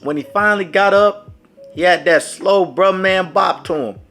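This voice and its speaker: With a high-pitched voice at a normal speed, this vlogger spins a dramatic sports tale in a laid-back storytime video. He's lively and theatrical, speaking directly to viewers while soft music plays underneath.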